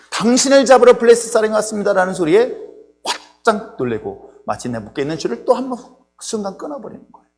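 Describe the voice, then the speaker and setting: A male pastor preaching a sermon, telling the story with humorous asides to the congregation. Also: fairly high pitch. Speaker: senior pastor. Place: church sanctuary. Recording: long reverb in a church hall, faint hum.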